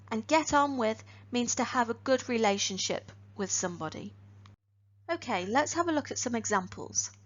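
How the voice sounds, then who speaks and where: In an online lesson, a woman English teacher explains phrasal verbs with clear, deliberate speech, lifting her voice on each new one. Her pitch is mid-range, and the audio sounds dull.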